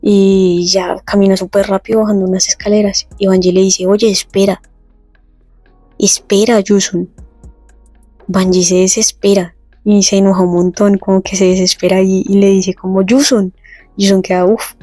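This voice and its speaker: A woman casually retelling a comic story, reading the characters' lines slowly and chatting between them. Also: medium pitch, little pitch movement, warm tone, no room sound, soft background music. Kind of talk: casual comic recap with read-out dialogue.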